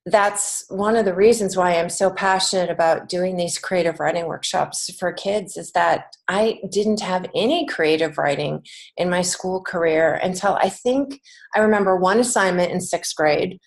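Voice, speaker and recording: An American woman with a lower-pitched voice speaks earnestly and reflectively, halting often with many false starts. She is a podcast guest, a children's author and creative writing teacher, in a casual interview conversation.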